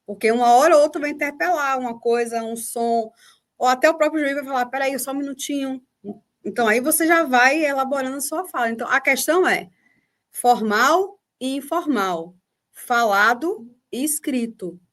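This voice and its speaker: A woman's voice: high voice, moderate pace, a bit bright. A Brazilian woman, a teacher and mentor, explaining a point in an online workshop and often checking that listeners follow. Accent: Brazilian Portuguese. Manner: explanatory, checks understanding with rhetorical questions. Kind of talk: online workshop talk answering a question. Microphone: video call.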